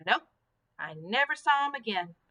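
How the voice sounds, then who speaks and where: A woman voicing an elderly Southern woman librarian, telling a story in a gentle, drawn-out way while reading a children's novel aloud. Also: fairly high pitch, very animated, poor audio. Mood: storytelling.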